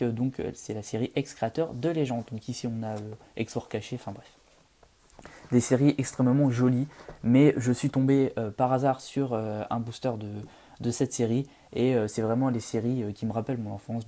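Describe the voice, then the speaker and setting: A young man chatting casually on camera as he opens a collectible card pack, halting and full of fillers. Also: mid-range voice, dark tone. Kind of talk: casual unboxing chat.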